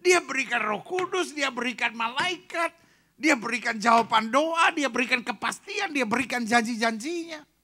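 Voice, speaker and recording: Male pastor, gravelly and sharp-toned, energetic sermon full of loud peaks and quiet asides. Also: very high-pitched, normal speed. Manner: swings from shouting to soft, joking asides; mixes in English phrases. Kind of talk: lively sermon. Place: retreat meeting room.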